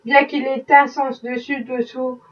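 A woman reading a novel aloud as an audiobook, steady storytelling. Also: sits high, a little slow. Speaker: audiobook reader. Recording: muffled, distant mic.

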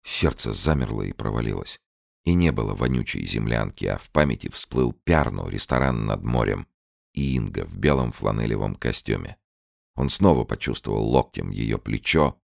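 A man narrating a dramatic audiobook in a grave, measured way. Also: a bass voice, gravelly, no room sound, clean studio sound.

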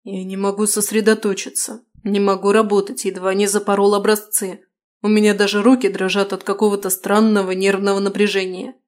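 A woman's voice: medium pitch, flat delivery, brisk, darkish tone, natural voice. A woman reading the lines of an anxious, normally composed male doctor in his late thirties, speaking in an agitated, pleading way. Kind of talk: audiobook dialogue reading.

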